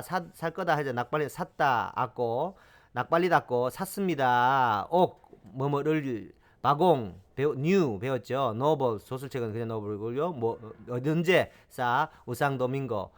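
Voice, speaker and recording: This male language teacher has a mid-range voice with a fairly bright tone. Hosting his own lively lesson, he repeats phrases aloud for practice and explains vocabulary, often repeating himself and using fillers.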